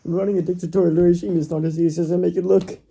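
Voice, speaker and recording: A man playing a self-pitying dictator who complains quickly and dramatically in an amateur comedy film. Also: high-pitched, little pitch movement, gravelly, mellow, husky, heavily acted. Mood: whining. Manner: fast, whining and dramatic.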